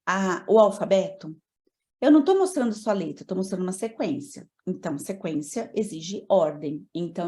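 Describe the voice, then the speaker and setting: A woman's voice: medium pitch, a little mellow. A woman teaching a training lecture on learning disorders, explaining in a didactic way and putting rhetorical questions to her audience.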